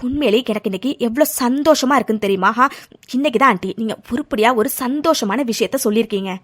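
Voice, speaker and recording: A woman's voice: on the high side, quick pace, very noisy, voice pushed down, natural voice. A woman voicing a spoiled, scheming young woman who gloats and mocks. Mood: gloating. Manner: gloating, mocking.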